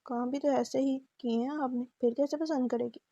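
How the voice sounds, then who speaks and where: A woman's voice: high voice, steady tone, normal speed, mellow, no echo. A woman voicing a teasing teenage girl who answers her older brother in a cheeky, offhand way, read from a novel. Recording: dull muffled recording.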